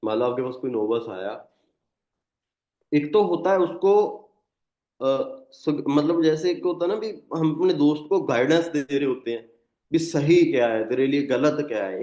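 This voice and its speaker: A man leads a sales training session, speaking loudly in a chatty, coaching manner and pausing often to check that his listeners follow. His voice comes through a muffled, lo-fi line. It also carries a roomy, echoing sound. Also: mid-range voice. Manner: conversational, leans on tag questions. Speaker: network marketing trainer. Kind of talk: motivational training talk. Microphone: phone or online call.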